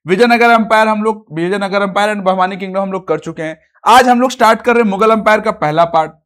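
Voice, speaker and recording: A man's voice: high voice, fast talker, fairly bright tone. A young man teaching a history lesson for exam prep, chatty, asking and answering his own questions and repeating "theek hai" often.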